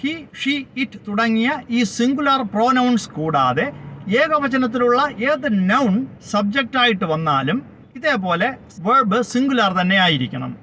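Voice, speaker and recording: A man teaching a slow, explanatory grammar lesson, spelling words out letter by letter and giving each translation. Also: extremely high pitch, big pitch swings, bright, forceful tone. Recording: slightly dull lo-fi recording with faint background noise.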